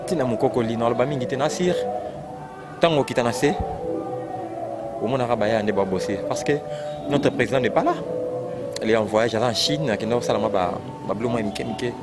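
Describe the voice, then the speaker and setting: A Congolese man chatting casually and excitedly, repeating words and exclaiming as he talks. His voice sits at a middle pitch. Loud music plays right behind him the whole time. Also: moderate pace, long pauses. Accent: Congolese French. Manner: animated, repetitive, exclaiming. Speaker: fan discussing rumba music. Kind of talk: casual chat mixing French and Lingala.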